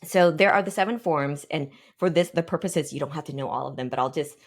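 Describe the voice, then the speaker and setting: A low-voiced woman in her forties from the Pacific Northwest of the United States is a guest speaker at a team workshop. She thinks out loud, pausing between ideas, and keeps checking in with the group through questions.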